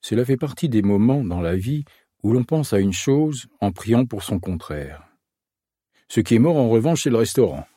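An audiobook narrator, a man with a medium-pitched voice, reads a novel aloud in a calm, measured storytelling style. It's scripted narration with studio-quality sound and no room echo.

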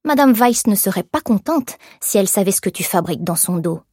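Woman reading as gravelly gruff man in his forties, mocking, leering, husky mellow tone, storybook. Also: mid-range voice, very animated, moderate pace, no echo, clean studio sound. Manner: mocking, coaxing.

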